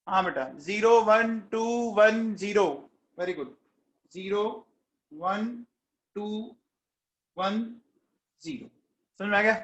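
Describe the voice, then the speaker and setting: High-voiced teacher coaxing students. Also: male voice, a bit bright, roomy sound, poor audio. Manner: coaxing, keeps checking if students understood; calls on students by name to answer quickly. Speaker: chemistry teacher. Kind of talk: classroom lecture.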